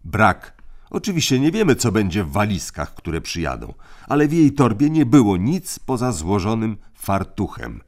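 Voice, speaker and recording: A man's voice: fairly low pitch, very animated, normal speed, a little mellow, pitched above the performer's own voice. A man voicing a bossy, domineering boy who lectures his siblings in a stern tone. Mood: lecturing. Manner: stern, lecturing, hands out points.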